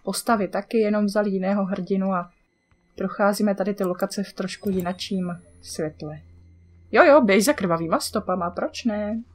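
A chatty woman with a Czech accent talks her way through a game in loose let's-play commentary. She mutters to herself and curses at what happens on screen. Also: mid-range voice. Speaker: gamer.

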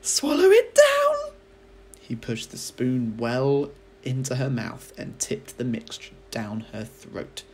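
A man, a teacher reading a children's audiobook aloud as an expressive storyteller. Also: mid-range voice, slow pace, slight background noise.

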